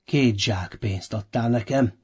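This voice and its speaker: Man doing a modest servant, earnest, husky, breathy. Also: mid-range voice, a little mellow.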